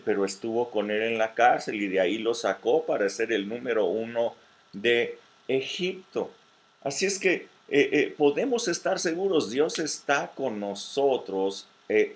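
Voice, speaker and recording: A man pastor leading a virtual Bible study sermon, with many hesitations and repeated words, who checks in with his listeners. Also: mid-range voice. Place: virtual meeting.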